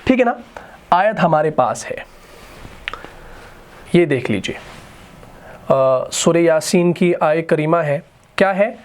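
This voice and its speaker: Patient male Quran teacher explaining. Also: a little high. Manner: patient explaining, often checks if students follow; intones Quranic verses in a slow chant. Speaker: Quran and Arabic grammar teacher. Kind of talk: recorded online lesson.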